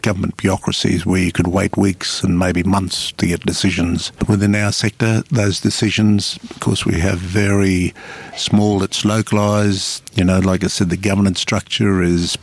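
A man speaking earnestly in an interview, making his case in a measured, repetitive way with frequent "you know". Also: low voice, little pitch movement, slightly rough, dry recording. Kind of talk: radio interview, earnest advocacy.

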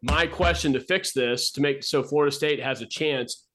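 A man's voice: on the high side, moderate pace, a bit bright. A man co-hosting a casual sports podcast, joking and sarcastic in his banter. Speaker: podcast co-host.

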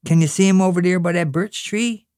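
A little fast and a little mellow, with a clean tone, a reader brings to life an earnest boy who prays pleadingly, asks questions and bosses his younger brother. The voice is high and childlike yet close to an everyday voice, recorded dry at studio quality as fiction read aloud.

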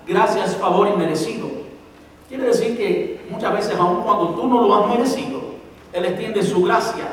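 A pastor preaching a sermon, and he has a very high voice for a man. He explains each point and goes back over it to drive it home. His voice comes from well back from the mic in a church hall with long, ringing reverb. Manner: explains points and repeats them for emphasis. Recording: echoey hall, voice from far off.

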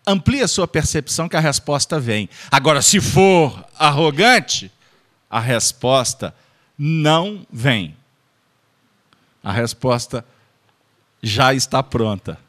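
A man's voice: mid-range voice, expressive, slow pace, pauses often, a bit bright. A man with a Brazilian accent presenting a spiritist study group, giving an informal lecture in a joking manner and checking in with his audience. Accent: Brazilian Portuguese.

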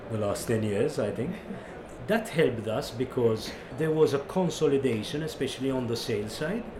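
Maltese-accented man in a noisy, echoing space. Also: mid-range voice. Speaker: company CEO and co-founder, interview guest. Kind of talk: interview answers explaining business. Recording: roomy, echoing, noisy venue.

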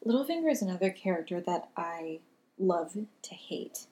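A woman's voice: fairly low pitch, big pitch swings, moderate pace, dark tone. A woman co-hosting a casual chat, easygoing and agreeable, often backing her partner up. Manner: easygoing, agreeable, frequent short affirmations. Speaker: podcast co-host.

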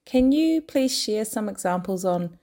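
Female podcast host, mid-pitched voice, introducing and interviewing. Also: lively intonation, unhurried, dark tone.

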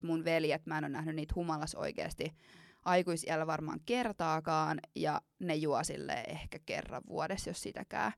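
A woman's voice: low-pitched, steady tone, gravelly, dry recording, clean studio sound. A woman in her twenties telling embarrassing stories in casual chat, often laughing as she talks.

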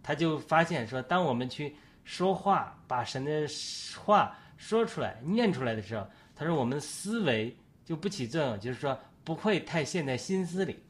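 A man's voice: on the high side, animated, normal speed. Preacherly male talk show host. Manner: explains at length, citing scripture like a preacher.

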